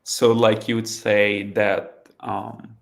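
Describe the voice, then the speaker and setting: Man, low gravelly voice, unhurried podcast interviewer. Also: little pitch movement. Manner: brief questions and soft back-channel murmurs. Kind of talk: casual interview.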